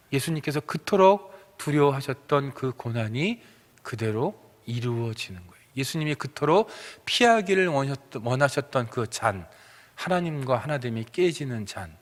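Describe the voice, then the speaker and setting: A man preaching as a pastor, earnest, building to emphatic peaks and then dropping to soft low lines. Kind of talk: sermon. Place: church sanctuary. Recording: church sanctuary with long reverb.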